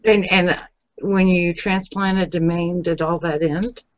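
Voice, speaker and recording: A woman with a Southern US accent hosting an interview over a video call, asking questions in a drawn-out, encouraging way. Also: on the low side, steady tone. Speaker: host. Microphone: webcam on a video call. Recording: dry, slightly lo-fi video call audio.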